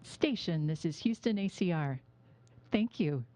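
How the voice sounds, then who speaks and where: A woman making crisp procedural calls to a space station over a space radio link. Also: on the low side, lively intonation, measured pace, warm tone. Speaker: ground radio operator. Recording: muffled lo-fi radio line.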